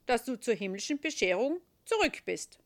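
A woman voicing a kindly elderly male saint in a children's story, calm and fatherly. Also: on the high side, normal speed.

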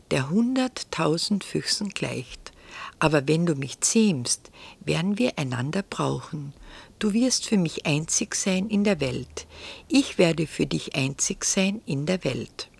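A wise, lonely fox speaks in a whispered role-play, voiced by a woman. The whisper is soft and gently pleading, slow, husky and very gravelly. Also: sits low, heavily acted.

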